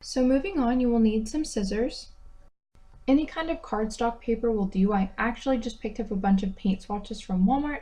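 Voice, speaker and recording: A young woman talks through a craft tutorial in a bright, chatty voice-over. Her voice sits a little high, and she drops in playful self-deprecating asides between steps. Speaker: DIY vlogger.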